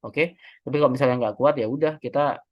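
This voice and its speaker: Pria analis saham yang bicara cepat. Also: male voice, mid-range voice, quick pace, no room sound, muffled recording. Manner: chatty, self-correcting, many fillers. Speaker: stock market analyst. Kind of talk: casual technical analysis walkthrough.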